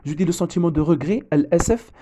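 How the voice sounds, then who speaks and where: A man's voice: fairly high pitch, brisk, noisy background. Hesitant male teacher. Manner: hesitant, frequent fillers and restarts. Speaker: French teacher correcting an exam. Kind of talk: exam correction lesson, reading the text aloud.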